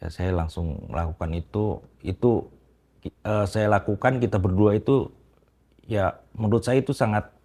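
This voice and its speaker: Deep-voiced man with halting confessional speech. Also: darkish tone. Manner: hesitant, halting, many restarts and fillers. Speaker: interviewee telling a personal story. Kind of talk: casual confessional storytelling.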